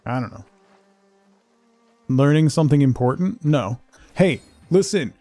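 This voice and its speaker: A game streamer chats to viewers during casual live commentary, playfully muttering asides and tossing out short exclamations. His voice is fairly high, mellow, and unhurried, with lively intonation. The recording is dry.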